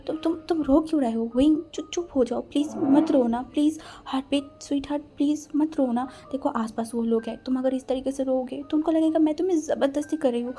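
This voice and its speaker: A woman's voice: fairly high pitch, steady tone, unhurried, warm tone. A woman voicing a possessive young man in a fan story, speaking bluntly and demandingly. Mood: anxious, pleading.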